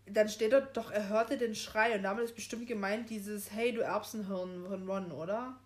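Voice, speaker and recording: A young woman in casual chat, retelling a story scene by scene, quick to correct herself and laughing easily. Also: medium pitch, steady tone. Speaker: podcast co-host reading a book aloud.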